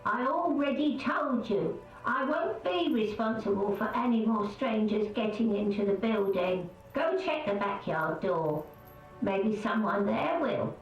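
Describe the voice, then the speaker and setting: A woman's voice: mid-range voice, expressive, a little slow, heavy reverb, dull audio, faint music behind, natural voice. A woman voicing a cranky, suspicious elderly woman in a video game, speaking in a scolding way. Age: older.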